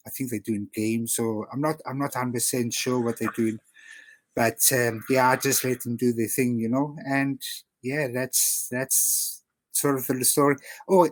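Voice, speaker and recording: A man's voice: mid-range voice, dry recording. A man from South Africa with an English-sounding accent, guest on an interview, rambling with lots of fillers. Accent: English-sounding, not South African. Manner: rambling with many "you know" fillers. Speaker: guest artist. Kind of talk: casual interview talk.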